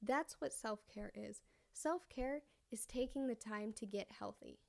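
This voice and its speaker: A woman's voice: a little high, unhurried, creaky. A young woman hosting a casual solo podcast, rambling and correcting herself, a bit out of breath. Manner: rambling, self-correcting, conversational. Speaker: podcast host.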